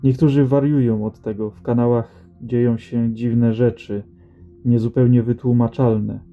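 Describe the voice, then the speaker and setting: A man's voice: medium pitch, level tone, measured pace, close to an everyday voice. A man voicing a seasoned male rat-hunter who speaks in dry, matter-of-fact banter, in an audiobook reading. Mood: musing. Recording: slightly dull audio with faint music.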